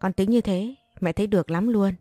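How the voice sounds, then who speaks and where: A woman's voice: mid-range voice, a little fast, mellow, dry recording, soft background music, lightly acted. A woman voicing a fretful older mother who dotes on her son, in an audio story. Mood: pleased.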